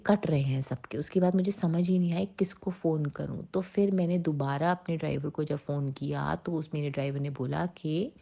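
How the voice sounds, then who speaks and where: A woman's voice: low voice, gravelly, mellow, highs cut off. A woman in her forties earnestly telling a personal testimony in a satsang, mixing Hindi with English as she speaks to the listeners. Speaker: devotee sharing a testimony.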